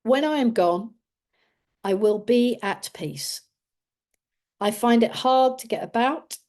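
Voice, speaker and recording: A woman reading out the slow, resigned words of a lonely housebound elderly person in her own everyday voice. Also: mid-range voice, mellow, natural voice. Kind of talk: read-out example monologue.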